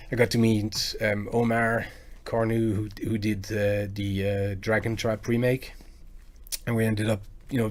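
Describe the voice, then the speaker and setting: Low-voiced Frenchman chatting on a stream. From France. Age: 40s. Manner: chatty, rambling, with frequent bursts of excitement. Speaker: live stream host and game music cover artist. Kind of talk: casual live-stream chat, answering viewers.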